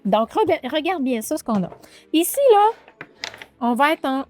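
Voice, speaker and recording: A woman's voice: high-pitched, slight background noise. A woman remedial teacher with a Quebec French accent, explaining a reading exercise to viewers and sounding out syllables, checking in often. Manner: animated, addresses viewer directly with many check-ins; sounds out letters and syllables slowly. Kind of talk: teaching demonstration video.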